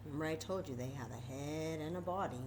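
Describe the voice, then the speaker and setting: Low-pitched and darkish in tone, this Texan woman moves at a quick pace as she leads a children's storytime, with slight background noise. She speaks straight to the kids with plenty of expression, weaving chatty comments into the read-aloud.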